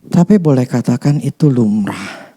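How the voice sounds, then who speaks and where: A man preaching a sermon as pastor, conversational and lively, swinging between loud bursts and hushed asides. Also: mid-range voice, moderate pace, slightly rough.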